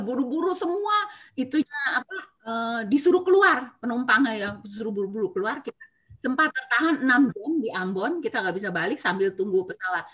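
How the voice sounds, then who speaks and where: Expressive woman giving a church testimony. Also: sits high, husky. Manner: expressive storyteller, many filler "ya" and "nah". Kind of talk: devotional talk with personal testimony. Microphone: video call.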